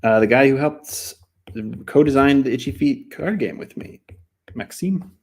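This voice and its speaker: A cartoonist from New Mexico chats while drawing on a live stream, rambling and poking fun at himself, sometimes slipping into other languages. His mid-range voice is expressive, a bit slow, and somewhat dark in tone.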